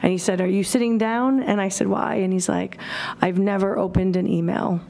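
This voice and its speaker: A woman's voice: mid-range voice, steady tone, moderate pace, vocal fry, mellow. A middle-aged woman presenting findings at a public town committee meeting, speaking plainly and informally, recorded on a desk microphone in a town hall auditorium. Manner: plain, informal, many fillers. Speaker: town services director leading a committee meeting.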